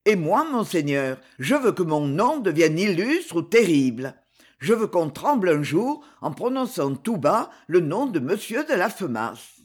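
Brief: man reading a scheming little spy who grovels with menace, husky, high and lively. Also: unhurried, heavily acted. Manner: fawning yet sinister, intense. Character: scheming small ambitious male spy lawyer. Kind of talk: audiobook character reading.

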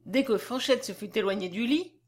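A woman narrating a classic novel as an audiobook, with a measured, expressive reading. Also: on the high side.

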